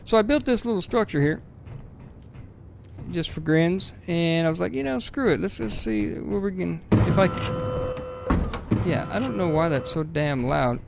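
A man giving rambling, casual let's-play commentary on his game, swearing freely and breaking into excited bursts. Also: a little high, measured pace, vocal fry, pauses often, heavy background noise. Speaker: gaming video host.

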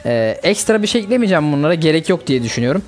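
A young man hosting a gaming channel, chatting casually and reacting excitedly to a mobile fighting game as he plays. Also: a little high, racing, soft background music.

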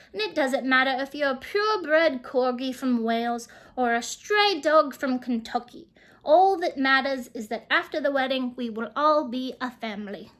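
A woman's voice: sits high, fairly bright tone. A woman voicing a kindly, gracious elderly queen while reading a storybook aloud to children.

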